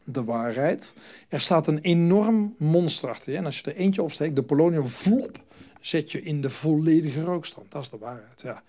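Man, stop-smoking trainer, lively group talk, acts out voices, slightly high pitch. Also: moderate pace. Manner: animated, acts out voices and phone calls.

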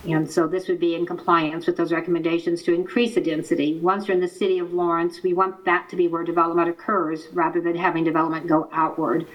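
A lowish-voiced woman presents in a measured, explanatory way over a video call. Her audio sounds distant and keeps breaking up and cutting out as the connection fails. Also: level tone, a little hiss or hum. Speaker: city planning staff presenter. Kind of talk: formal presentation at a public meeting. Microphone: remote video call.

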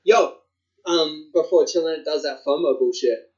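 Aussie guy on a podcast, bit higher voice, swears a lot, slangy casual chat, kinda dull lofi audio. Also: measured pace, a little mellow. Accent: Australian. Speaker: podcast co-host. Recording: dull, lo-fi sound.

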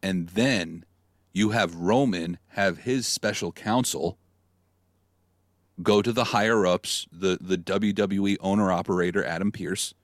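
Low voice guy talking through predictions, animated, mimics catchphrases, dry close mic. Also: a little slow, no echo. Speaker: podcast co-host. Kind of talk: casual chat.

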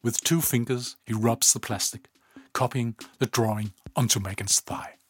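A man reading a story aloud in calm, even scripted narration, often low and hushed. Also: moderate pace, soft background music.

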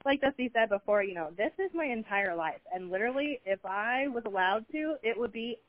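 A woman's voice: fairly high pitch, expressive, a little fast. A woman talking as a guest in a casual chat, rambling and chatty, with easy laughs. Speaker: fitness competitor guest. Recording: slightly dull, dry sound.

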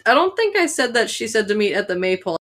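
A woman's voice: on the high side, big pitch swings, fast, a bit bright, reverberant. A woman narrating as game master in an informal, conversational way. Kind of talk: casual tabletop game narration.

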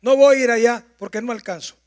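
A male pastor, preaching a sermon with drawn-out emphasis and loud passages. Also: very high-pitched.

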